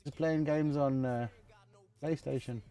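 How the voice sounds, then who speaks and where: A man's voice: medium pitch, steady tone, measured pace, mellow. A man chatting on a livestream, laughing often and using slang. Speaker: stream regular. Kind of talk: casual livestream banter. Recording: music clearly behind.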